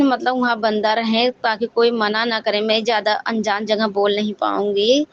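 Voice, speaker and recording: A woman sharing an earnest devotional testimony with the congregation, often addressing them respectfully. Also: a little high. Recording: dull lo-fi audio.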